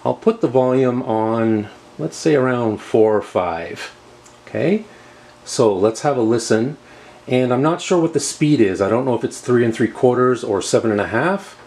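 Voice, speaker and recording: A man with a mid-range, slightly mellow voice speaks in an animated way at a moderate pace. As a review host, he casually and methodically demonstrates equipment, explaining it step by step. The recording is clear of background noise.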